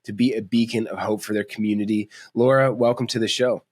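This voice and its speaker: Guy hosting a podcast, lowish voice, laid back and friendly. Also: steady tone, fairly quick, husky. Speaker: podcast host. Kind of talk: casual podcast interview.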